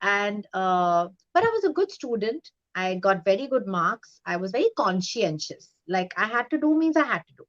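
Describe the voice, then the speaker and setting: A woman's voice: mid-range voice, normal speed, hardly any pauses. A woman, a guest in a casual interview, telling her stories with a lot of life. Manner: lively storyteller who acts out voices in anecdotes. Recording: dull lo-fi sound.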